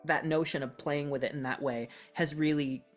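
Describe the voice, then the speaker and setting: A podcast co-host in their thirties talking reflectively and casually, halting and self-correcting as they go. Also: medium pitch, steady tone, soft background music. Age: 30s. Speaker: podcast co-host and role-playing game player.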